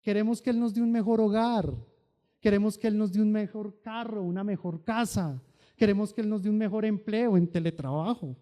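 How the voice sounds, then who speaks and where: High-voiced Colombian pastor in a hall. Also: male voice, steady tone, fairly quick. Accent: Colombian Spanish, Bogotá. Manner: storytelling with swings between loud emphasis and soft asides. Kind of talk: sermon. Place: church hall. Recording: long church hall reverb.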